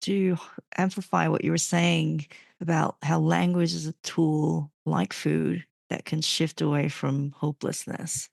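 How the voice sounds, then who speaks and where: A woman's voice: sits low, flat delivery, a little slow, creaky, darkish tone, no echo, clean studio sound. A woman from Malaysia hosting a podcast interview, asking questions with many hesitant restarts and fillers. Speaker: podcast host. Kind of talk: interview conversation.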